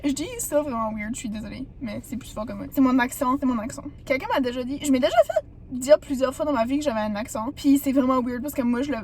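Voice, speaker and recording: A young woman with a Quebec French accent, hoarse from a sore throat, chatting and rambling in a casual vlog with lots of fillers. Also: high voice, quick pace, a little mellow, a little hiss or hum. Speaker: vlogger.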